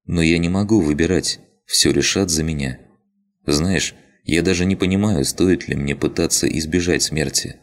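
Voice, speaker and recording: A man's voice: rumbling low, normal speed. A man voicing a tired young woman who sounds resigned and wryly sad. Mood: weary. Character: weary young woman awaiting her fate.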